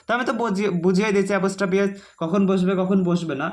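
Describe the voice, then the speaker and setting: High-voiced man teaching grammar. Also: steady tone, darkish tone. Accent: Bengali. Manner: chatty, keeps asking "ঠিক আছে?"; explains slowly, repeating each rule. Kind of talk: casual online grammar lesson.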